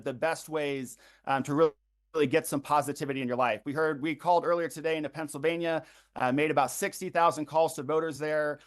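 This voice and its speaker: A man organizing a phone bank, walking volunteers through a calling script with frequent ums and uhs. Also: fairly high pitch. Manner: frequent ums and uhs, repeats web addresses slowly. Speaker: campaign organizer leading a phone bank livestream. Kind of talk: instructional briefing to volunteers.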